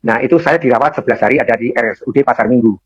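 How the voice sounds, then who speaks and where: A man's voice: mid-range voice, rapid-fire, breathy edge, dry recording. An older man giving a personal testimony in a rambling, repetitive way, with many fillers. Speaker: testimony speaker. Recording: dull, dry lo-fi recording.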